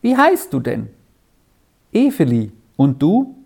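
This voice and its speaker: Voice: mid-range voice, huge pitch swings, slow, vocal fry, a little mellow, slightly rough, heavily acted. A reader doing a shy little girl. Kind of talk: storybook reading.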